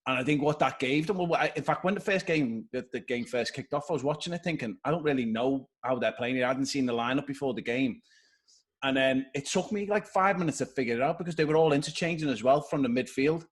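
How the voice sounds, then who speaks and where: Guy on a football podcast talking through tactics, mid pitch, chatty and analytical. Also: quick pace, a little hiss or hum. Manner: analytical, explains tactics at length. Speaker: podcast co-host. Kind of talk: casual football chat.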